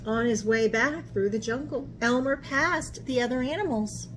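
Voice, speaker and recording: A woman hosting a children's picture-book read-aloud as an art teacher, speaking in an animated way and putting questions to young listeners. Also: fairly high pitch, normal speed, slight background noise, rough recording.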